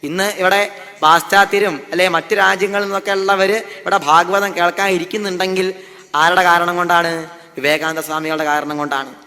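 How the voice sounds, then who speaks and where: Bright-voiced man preaching in a hall. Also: high voice, steady tone, normal speed. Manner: asks rhetorical questions and answers them himself. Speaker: Bhagavatam speaker. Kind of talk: devotional discourse. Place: festival hall. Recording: long hall reverb.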